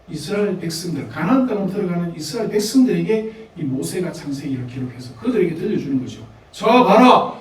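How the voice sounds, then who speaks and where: A pastor with a Gyeongsang Korean accent preaches a sermon in a church sanctuary, chatting with the congregation through laughs and asides. His voice is fairly high and mellow. The recording is rough, with a distant mic and heavy reverb.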